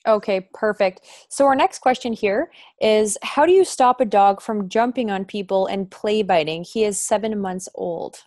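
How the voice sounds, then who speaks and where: Brisk woman reading out questions, dry sound. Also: medium pitch, darkish tone, no room sound. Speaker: interviewer.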